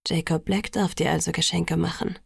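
A woman reading the part of a calm, gentle young man who speaks softly and soothingly. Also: fairly low pitch, fairly quick, gravelly, slightly rough, no room sound, clean studio sound. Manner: quiet and soothing.

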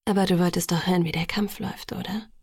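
A woman voicing a gentle, restrained young male vampire in a calm, tender whispered role-play. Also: lowish voice, fast, slightly rough, no echo, clean studio sound. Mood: calm teasing.

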